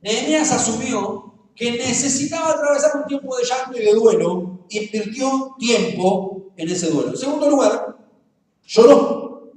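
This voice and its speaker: A man with a Rioplatense Argentine accent preaches, his voice pitched high for a man. He is picked up from some distance in a very echoey church. He jokes and talks straight to the congregation. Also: normal speed, a little mellow. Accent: Rioplatense Spanish. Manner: humorous, conversational, addresses the congregation directly. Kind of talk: sermon. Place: church hall.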